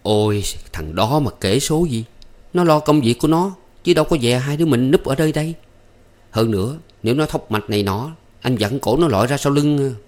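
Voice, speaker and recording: A man's voice: mid-range voice, animated, fairly quick, darkish tone, pitched above the performer's own voice, lightly acted. A man reading a story aloud, voicing an eager, coaxing young master. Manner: coaxing, insistent, playful. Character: young rich man, eager, teasing suitor. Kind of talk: audiobook character voice.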